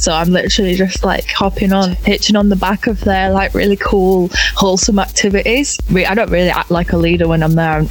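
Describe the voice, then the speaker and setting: A woman's voice: mid-range voice, poor audio. Chatty young Bradford woman, casual and slangy. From Bradford, northern England. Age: 20s. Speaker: guest on a music talk show. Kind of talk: casual chat, anecdotes.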